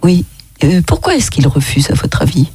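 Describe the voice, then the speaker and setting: A radio host interviewing a guest, asking measured questions and summarizing the answers. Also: medium pitch, sing-song, darkish tone, breathy edge, no echo.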